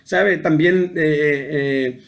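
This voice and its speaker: Man, middle-aged, informal sermon, somewhat high voice, hesitant restarts, keeps checking in with the listener. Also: slow pace, vocal fry. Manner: keeps adding a questioning tag, with hesitant restarts. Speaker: preacher. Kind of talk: informal sermon on a Bible passage.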